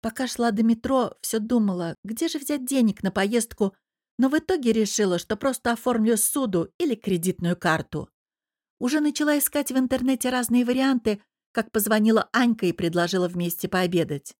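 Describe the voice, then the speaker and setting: A young woman narrating a first-person audiobook in an even, expressive storytelling voice. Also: a little high, a little fast, no room sound, studio quality.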